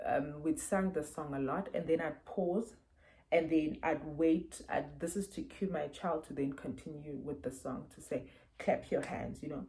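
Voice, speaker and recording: A South African woman talks through a book review in a casual, earnest way, stopping often to give examples. Her voice sits low, with a soft, mellow tone. The sound comes through wireless earbuds. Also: low-quality recording. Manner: earnest, explanatory, gives examples. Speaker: parent reviewing books.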